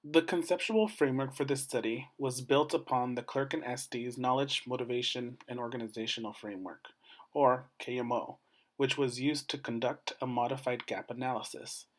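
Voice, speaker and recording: A man presents research in a formal, scripted academic style, like a doctoral student at a defense. His voice sits at an average male pitch, and he moves through his points in measured, short phrases. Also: steady tone.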